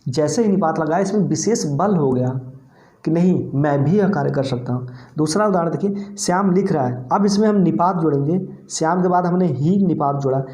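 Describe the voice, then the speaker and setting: A man's voice: fairly high pitch, moderate pace, mellow, roomy sound. A male teacher giving an exam-prep grammar lesson, explaining step by step and asking and answering his own questions.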